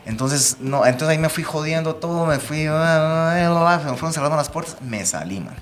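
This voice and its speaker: A man from Bilbao, raised in Guatemala, whose first language is Basque, telling stories in a lively casual interview and acting out the voices he quotes. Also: fairly high pitch, quick pace. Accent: Guatemalan Spanish. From Bilbao, Spain; raised in Guatemala from age five. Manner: chatty, animated storyteller, acts out quoted voices. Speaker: TV presenter, guest.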